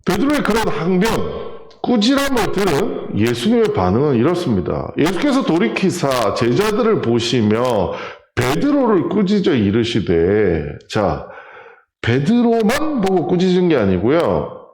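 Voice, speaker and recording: A male pastor giving a sermon, telling the story with lively acted-out voices and questions to the congregation. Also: fairly high pitch, moderate pace, echoey room, a little hiss or hum. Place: church sanctuary.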